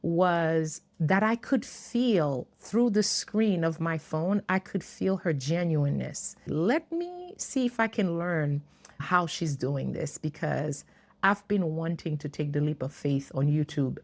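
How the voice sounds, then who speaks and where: A YouTuber in her fifties recounts her own story to the camera, her voice low and earnest. She isn't a native English speaker and speaks thoughtfully, a bit slowly yet animated, with occasional soft laughter.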